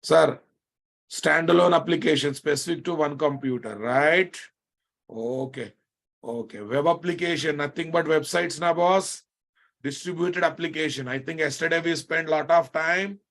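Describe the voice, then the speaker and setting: Teaching a live online technical class, a man with an Indian accent speaks at a measured pace in a slightly high, fairly bright, gravelly voice. The programming instructor repeats key phrases and checks in regularly to confirm students are following.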